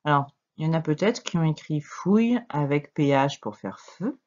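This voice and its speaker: A woman teacher with a French accent, giving a slow, patient reading and dictation lesson to a young child and spelling out letters. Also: deep voice, animated, a little mellow, dull audio. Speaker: primary school teacher.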